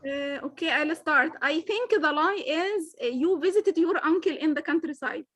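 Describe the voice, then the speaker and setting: A woman with a very high voice leads an online grammar lesson. She explains patiently, repeats her instructions and keeps encouraging her students. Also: moderate pace, a bit bright, a little hiss or hum. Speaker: teacher.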